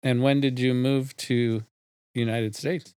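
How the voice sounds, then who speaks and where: A man hosting a podcast, introducing the show and asking a guest measured questions. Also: mid-range voice, fairly even intonation, darkish tone, smooth, dry recording. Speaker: podcast host and interviewer. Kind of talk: podcast interview.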